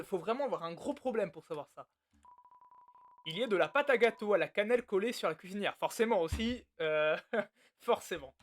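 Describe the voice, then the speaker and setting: A man playing a video game, reading its text aloud with crude, joking, muttered asides. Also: high voice. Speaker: let's play host. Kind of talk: casual game commentary and reading.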